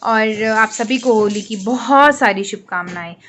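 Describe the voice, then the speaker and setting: A woman's voice: on the high side, measured pace, a bit bright, slight background noise. A young woman from Himachal with a Himachali Hindi accent, chatting casually at home in a vlog and mixing in English phrases. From Himachal Pradesh, India. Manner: chatty, mixes English phrases, talks to her baby. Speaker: vlogger, young mother. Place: home, indoors.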